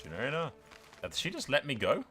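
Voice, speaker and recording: A man hosts a gaming video with excitable let's-play commentary, talking fairly quickly in a mid-range voice over soft background music. He swears freely and swings between dramatic exclamations and dry understatement.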